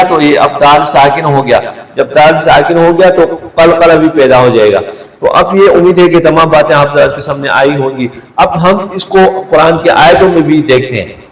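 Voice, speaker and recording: A man teaching Quran reading rules at a board, explaining patiently step by step and slowly chanting each word. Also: fairly high pitch. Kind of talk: tajweed lesson at a board. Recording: echoey room, mic at a distance.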